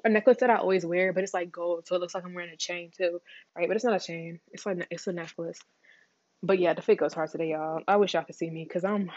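A teenage girl hosting her own podcast, chatting casually, rambling fast, running her words together and switching topics. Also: fairly low pitch, dry recording, highs cut off. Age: teens. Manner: rambling, fast, words run together, slangy, says y'all a lot. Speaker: podcast host. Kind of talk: casual solo chat.

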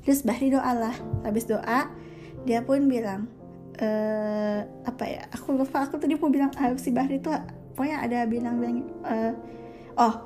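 Chatty high-voiced woman telling a story. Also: fairly even intonation, moderate pace, mellow, soft background music. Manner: chatty, with frequent self-corrections and fillers. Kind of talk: casual spoken storytelling.

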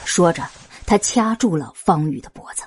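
A woman with a husky voice narrating a suspense audio drama in an expressive storytelling manner. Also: lowish voice, normal speed, faint music behind.

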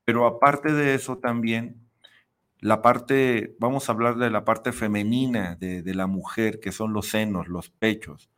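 A man's voice: fairly low pitch, steady tone, a little slow, a bit bright. A man hosting a radio talk show, speaking hesitantly and searching for words. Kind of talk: conversational interview.

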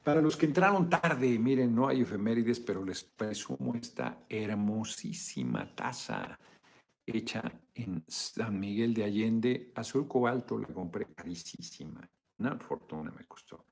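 A man's voice: lowish voice, animated, a little slow, creaky, a little mellow. A man with a Mexican accent hosting a casual live video chat, joking, swearing freely and thanking viewers for donations.

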